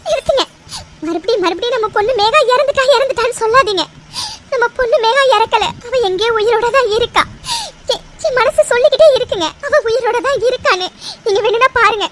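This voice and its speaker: A woman's voice: very high voice, animated, quick pace, noisy background. A woman voicing a grieving, insistent middle-aged mother in a cartoon drama, crying as she speaks. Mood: tearful. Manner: insistent, emotional. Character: grieving mother, hopeful and tearful.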